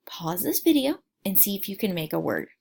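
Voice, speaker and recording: A woman teacher giving a phonics lesson to young learners, sounding out words slowly and clearly and encouraging them. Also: mid-range voice, sing-song, a little mellow.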